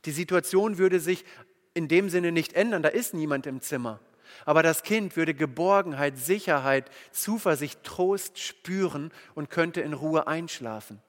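A man's voice: a little high, a little slow. A middle-aged man preaching a sermon, earnest and repetitive, often starting phrases with "ja". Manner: earnest, repeats phrases, frequent "ja". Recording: long hall reverb.

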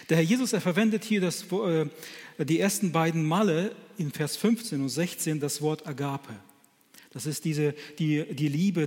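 A man preaching a sermon, speaking haltingly with many restarts and acting out quoted scripture. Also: on the high side, darkish tone, big-room sound. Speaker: lay preacher.

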